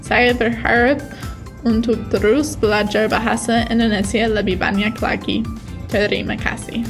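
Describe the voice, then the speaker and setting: A woman's voice: fairly high pitch, fairly even intonation, a little slow, gravelly, over music. A young woman, a student, gives a prepared testimonial as a learner of Indonesian. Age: young adult. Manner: foreign learner speaking Indonesian. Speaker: university student.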